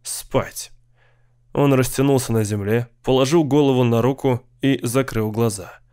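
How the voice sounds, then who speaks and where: A man's voice: medium pitch, steady tone, normal speed, dark tone, clean tone, dry recording, clean studio sound. A man narrating an audiobook, reading dramatically and acting out a character's frightened cries. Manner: acts out the character's cries with rising intensity.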